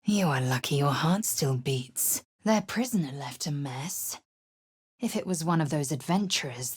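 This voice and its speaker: In a low, slightly rough voice, an actress fully inhabits a proud and stern githyanki warrior woman from a video game. She speaks in a clipped, commanding, formal, scornful manner.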